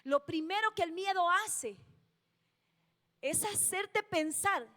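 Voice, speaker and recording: This woman takes her time, preaching slowly in a very high, sharp voice while pounding on key phrases and asking the congregation questions. A long church-hall reverb trails after each line of her emphatic sermon.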